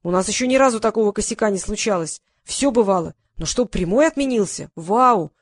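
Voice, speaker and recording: A woman's voice: mid-range voice, animated, brisk, no room sound, studio quality, close to an everyday voice. Woman playing a melodramatic young woman. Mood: dramatic. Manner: exclaiming, melodramatic.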